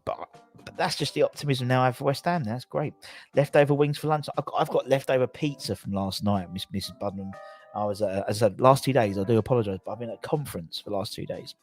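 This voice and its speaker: Man, southern English accent, mid-pitched, informal fan-channel host, rambling jokey chat, repeats himself, music underneath. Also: quick pace. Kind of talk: casual livestream chat to viewers.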